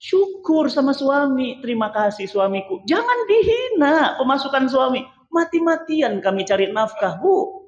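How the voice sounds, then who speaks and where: Animated male preacher in echoey mosque. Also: extremely high pitch, moderate pace. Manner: animated, theatrical, acts out quoted voices. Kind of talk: sermon. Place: large mosque hall. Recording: echoey, dull mosque PA recording.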